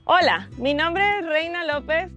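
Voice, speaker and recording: A young woman from Monterrey, Mexico, calmly answering interview questions. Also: very high voice, measured pace, highs cut off. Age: young adult. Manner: calm, practical, with fillers. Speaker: interview guest. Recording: faint music underneath.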